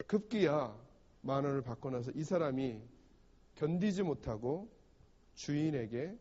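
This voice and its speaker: A man's voice: mid-range voice, lively intonation, measured pace, dark tone, husky. A male pastor preaching a sermon, retelling a parable and often asking the congregation rhetorical questions. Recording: dull recording in a reverberant church hall.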